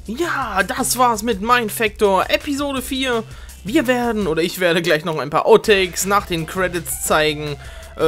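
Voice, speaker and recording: A man whose voice is on the high side and fairly bright runs a Minecraft game show, joking around informally. Exasperated, he swears and giggles, while music plays behind him.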